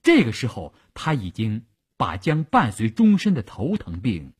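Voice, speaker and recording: A man's voice: mid-range voice, wildly swooping pitch, measured pace, a little mellow, husky. A man narrating a long radio story in a dramatic, strongly varied delivery.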